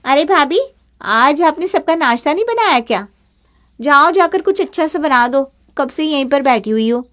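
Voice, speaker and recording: Woman doing a bratty mocking teen girl, high voice, taunts nonstop, cartoon story. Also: expressive, normal speed, fairly bright tone. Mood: taunting. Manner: taunting, insolent. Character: rude, mocking teenage sister-in-law. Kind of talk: animated storybook voice acting.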